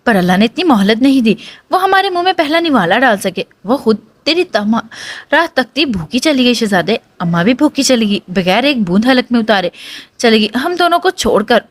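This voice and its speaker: A woman's voice: a little high, very animated, no room sound. A woman voicing a weary tender sister. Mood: tearful. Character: gentle dying young woman, loving sister.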